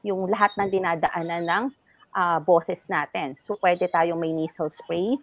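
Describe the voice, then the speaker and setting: A woman's voice: lowish voice, fairly even intonation, a little slow, dull audio. A woman ENT doctor, a guest on a health talk show, explaining things patiently in a mix of English and Tagalog.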